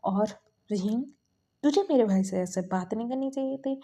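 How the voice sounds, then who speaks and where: A woman's voice: fairly high pitch, normal speed, warm tone. A woman voicing a protective young man who scolds his bedridden best friend, reading a fan story aloud in a bossy tone. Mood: stern.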